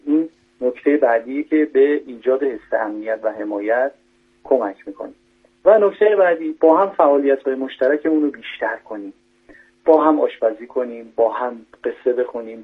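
Male doctor phoning in to radio, husky tone, tinny phone sound, methodical, lists numbered points. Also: mid-range voice. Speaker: doctor giving parenting advice. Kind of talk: radio call-in advice. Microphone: telephone.

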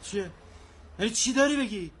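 A high-pitched man playing a pushy matchmaking friend in a comedy sketch. He coaxes and teases in quick, lively bursts. Faint noise sits behind his voice. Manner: pushy, teasing, coaxing.

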